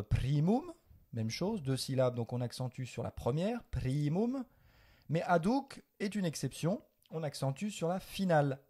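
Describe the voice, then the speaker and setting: A man's voice: mid-range voice, mellow. A man from France teaching a spoken Latin lesson, patiently explaining and correcting.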